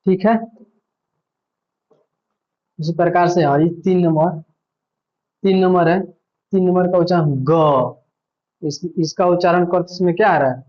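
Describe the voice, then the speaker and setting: A man's voice: high-pitched, fairly even intonation, measured pace, long pauses, lo-fi sound. A male teacher giving an online grammar lesson, patiently repeating points and asking himself questions.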